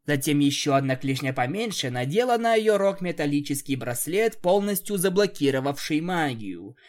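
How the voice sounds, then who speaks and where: A reader narrates a first-person fan story with an even, plain storytelling voice. The delivery stays steady, and the quieter tags after each quote sink back into the telling. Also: mid-range voice, moderate pace. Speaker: audiobook reader.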